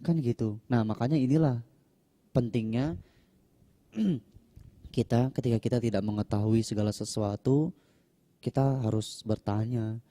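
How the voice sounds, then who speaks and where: A man's voice: measured pace, long pauses, mellow. A young man, a Buddhist monk, chatting casually in a question-and-answer talk without a microphone, acting out the people in his stories. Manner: chatty, acts out quoted people with raised pitch. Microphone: no microphone, voice sometimes quiet.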